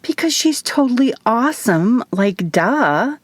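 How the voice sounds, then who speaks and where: A woman's voice: fairly high pitch, sing-song, measured pace, no room sound, voice pushed up. A woman voicing a bubbly, giggly young female clone who chirps in valley-girl talk.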